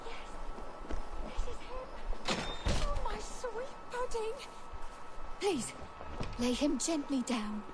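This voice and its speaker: A woman's voice: sing-song, slow pace, long pauses, exaggerated voice. A woman playing a lovelorn, scheming village spinster in a video game, with florid, melodramatic phrasing. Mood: besotted. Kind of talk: theatrical video game acting. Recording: game ambience and rumble behind.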